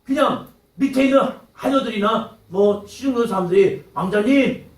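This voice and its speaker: A man preaching a sermon in a church, dramatic, swinging between loud outbursts and hushed lines and acting out quoted voices. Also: sits high, big pitch swings, moderate pace. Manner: acts out taunting quotes in character. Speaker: pastor. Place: church hall. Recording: echoey hall, mic at a distance.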